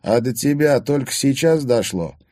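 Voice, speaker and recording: Narrating an audiobook, a man voices an arrogant, charming young character who speaks in a smug, teasing way, pitching above his own natural voice. The voice is mid-range, expressive, warm and moderately paced, recorded in a clean studio with no room sound.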